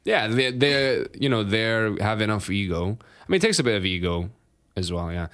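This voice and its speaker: Young man, podcast co-host, swears a lot, laughs often, very expressive intonation. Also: lowish voice, normal speed. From Romania. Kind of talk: casual chat.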